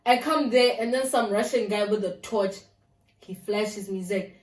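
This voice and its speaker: A woman's voice: medium pitch, normal speed. A woman co-hosting a vlog, telling a story to viewers and acting out what people said. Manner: animated, acts out quotes. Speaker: vlog co-host. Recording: echoey room, mic at a distance.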